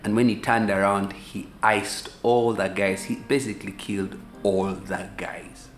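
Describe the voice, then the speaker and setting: A male Ugandan pastor teaches conversationally to the camera from a sofa in a small, echoey room. His voice is lowish, with fairly even intonation and a measured pace. A camera a few feet away frames him in a medium shot, and faint hiss runs under the audio.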